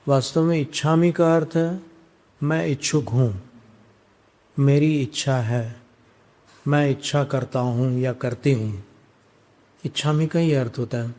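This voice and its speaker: A man, a monk, chanting prayers in a drawn-out way and then explaining scripture in a calm teaching sermon. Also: medium pitch. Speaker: Jain monk giving a discourse.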